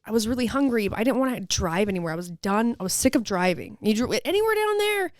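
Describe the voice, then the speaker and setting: A woman's voice: a little high, sing-song, quick pace, no echo, studio quality. A woman podcast co-host telling personal stories in casual, informal chat, with a slight lisp from wearing retainers.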